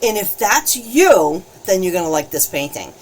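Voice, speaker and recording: A woman hosting a live painting demonstration, chatting in a bubbly way, laughing often and greeting viewers warmly. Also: medium pitch, big pitch swings, normal speed, slight background noise. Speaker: alcohol ink painting host. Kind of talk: casual live-stream painting demo.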